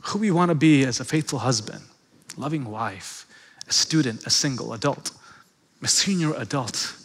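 A man preaching a sermon as pastor, swinging between loud, emphatic peaks and hushed, quiet passages. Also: medium pitch, expressive, moderate pace, husky. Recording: long reverb of a large hall.

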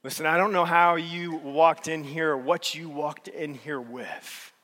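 A male pastor preaching a sermon, swinging between loud emphatic peaks and soft, low passages. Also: fairly even intonation, a little slow. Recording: long hall reverb.

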